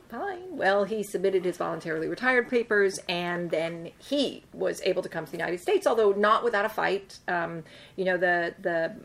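A woman's voice: on the low side, creaky. An older woman telling stories in an interview, rambling and wry, with lots of ums and restarts. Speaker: sports agent interviewed about past deals. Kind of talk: conversational interview storytelling.

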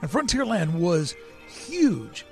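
A man with a slightly high voice hosts a talk show, moving between commentary and conversation. Music sits faintly behind his speech. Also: very animated, slow, dark tone. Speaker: show host. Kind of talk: scripted commentary and casual interview chat.

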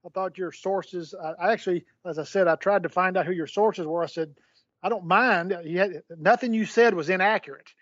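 A man's voice: sits high, a bit bright, dry recording, lo-fi sound. A middle-aged man answering questions in a candid interview, stopping and restarting often, with many fillers and hiccups. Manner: halting, repeats words, many fillers. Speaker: guest, former sports executive.

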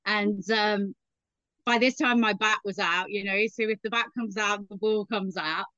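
A woman, a guest in a casual interview, telling stories in a chatty, lively way. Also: medium pitch, a little slow, no room sound, muffled recording. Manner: chatty, anecdotal, lively storyteller.

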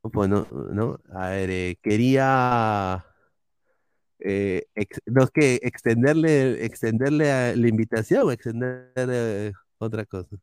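Slow, smooth-voiced man. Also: medium pitch, darkish tone, no room sound. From Peru. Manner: halting, joking, reading out chat messages. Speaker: podcast host. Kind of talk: casual sports podcast banter.

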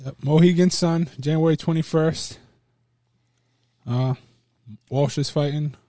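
A man co-hosting a podcast, chatting casually about boxing in a relaxed way. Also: fairly high pitch, measured pace, no echo, clean studio sound. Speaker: podcast co-host.

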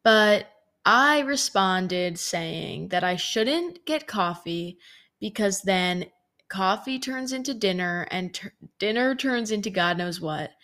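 A woman's voice: medium pitch, animated, slow pace, bright, forceful tone. A woman in her twenties, a podcast host, telling a story in a chatty way with lots of filler words. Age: 20s. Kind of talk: casual storytelling monologue.

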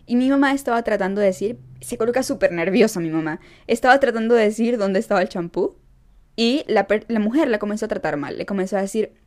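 A young woman chatting casually to her followers, emphatic and quick to laugh. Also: medium pitch. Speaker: vlogger. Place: Los Angeles.

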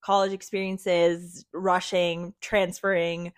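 A young American woman from Miami co-hosts a podcast, chatting casually in a bubbly, giggly way full of girl-talk slang. Her voice is lowish, with a flat delivery and slow pace. The studio sound is clean, with no echo.

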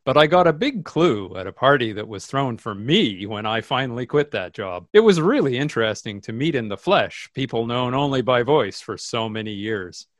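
A man's voice: medium pitch, animated, normal speed, hardly any pauses, dry recording, clean studio sound, natural voice. A man playing a pompous, vain radio host. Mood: self-satisfied. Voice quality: pompous, overly precise diction. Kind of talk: comedic radio sketch.

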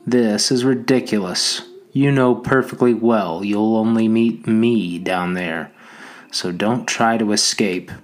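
A man voicing a menacing talking pig's head that mocks, coaxes and threatens, at a slow, measured pace. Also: fairly low pitch. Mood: threatening. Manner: mocking, coaxing then threatening.

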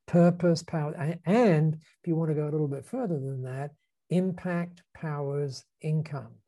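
A man with a soft-edged, mellow voice presents ideas in a conversational way. He moves haltingly and deliberately, leaning on key words. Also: fairly high pitch. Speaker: speaker presenting ideas to a group. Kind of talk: conversational explanatory talk.

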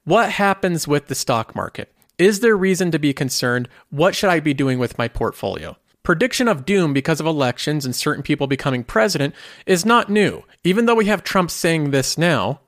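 A man's voice: on the high side, lively intonation, normal speed, fairly bright tone, no echo, clean studio sound. A man hosting a finance video, explaining in scripted commentary and posing rhetorical questions.

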